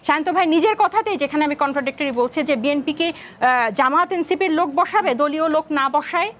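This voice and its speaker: A woman's voice: high-pitched, fairly quick, fairly bright tone, slight background noise. A woman with a Bangladeshi Bengali accent on a political talk show panel, arguing her case and slipping English phrases into her speech.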